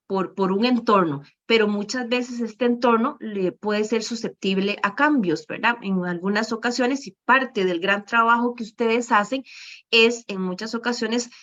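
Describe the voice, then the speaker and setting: A woman's voice: a little high, measured pace, a bit bright. Woman lecturing, muffled audio. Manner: frequent "¿verdad?" tags and fillers. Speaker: lecturer on child behavior. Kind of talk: presentation to professionals. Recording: muffled lo-fi recording.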